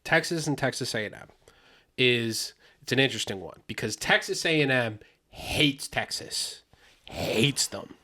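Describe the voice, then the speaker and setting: A man in the middle of a loose sports podcast chat. His pitch sits in a middle range, and he talks in an animated, rambling way full of asides and profanity. He keeps riffing and joking with a co-host. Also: unhurried.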